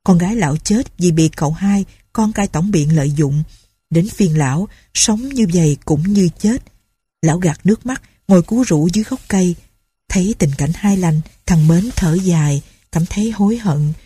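A woman narrating an audiobook story in a steady, measured reading. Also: on the low side, slightly rough, no room sound.

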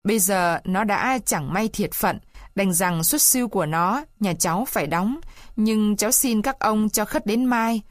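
A woman's voice: mid-range voice, unhurried, dry recording, studio quality, lightly acted. A woman voicing a poor peasant wife who pleads and weeps, in a storybook reading. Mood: tearful. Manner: pleading, weeping.

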